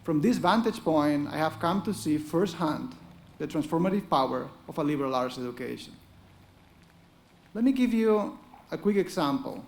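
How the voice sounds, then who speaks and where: A middle-aged Spanish man, an economics professor from Spain, speaks with a Spanish accent into a podium microphone. His voice sits a little high, with a gravelly, darkish tone, as he gives an earnest, encouraging ceremonial speech laced with dry humor.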